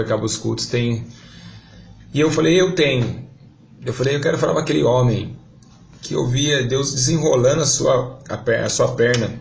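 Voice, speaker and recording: Gravelly Brazilian pastor, fervent testimony. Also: male voice, medium pitch, a little hiss or hum. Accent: Brazilian Portuguese. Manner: fervent storytelling, voice rising in prayer. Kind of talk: testimony preaching. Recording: dull lo-fi recording.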